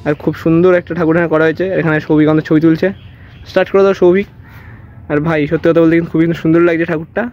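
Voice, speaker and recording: A young man with a Kolkata Bengali accent, chatting rapidly as he walks a friend through a museum for his vlog. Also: a little high, little pitch movement. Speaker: vlogger. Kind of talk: casual walking vlog. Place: museum grounds in Kolkata, walking. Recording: dull lo-fi with music underneath.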